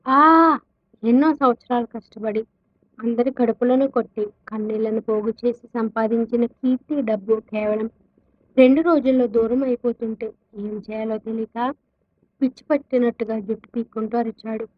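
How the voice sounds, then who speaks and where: A woman narrating a family drama, with expressive changes of tone whenever she voices the characters. Her voice sits a little high. The recording is dry, with no room sound, and slightly dull and lo-fi. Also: normal speed, no room sound. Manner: expressive, shifts tone for quoted characters. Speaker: storyteller.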